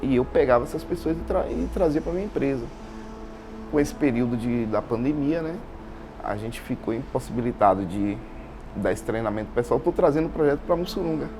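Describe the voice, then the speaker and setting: With background music behind him, an installation business owner from Salvador, Bahia, recounts his own life informally in an interview. His medium-pitched, animated voice moves briskly, colored by a Bahian Brazilian accent, and he often repeats phrases and adds tag questions.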